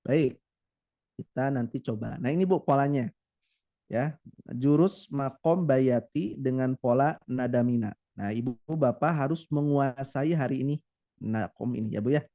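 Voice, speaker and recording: A man's voice: medium pitch, unhurried, warm tone. A man teaching a Quran recitation class in a chatty way, often turning to address his students directly. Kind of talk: teaching a class, with sung demonstrations.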